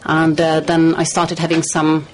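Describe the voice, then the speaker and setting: A woman from the Czech Republic, a studio guest in a radio interview, talking in a measured, hesitant way with many fillers. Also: deep voice, monotone, a little mellow, a little hiss or hum, poor audio.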